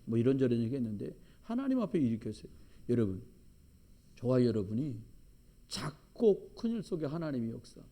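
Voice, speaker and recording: A man's voice: mid-range voice, big pitch swings, fairly quick, dark tone. A middle-aged man preaching a sermon as pastor in a church, with emphatic, joking storytelling. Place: church sanctuary.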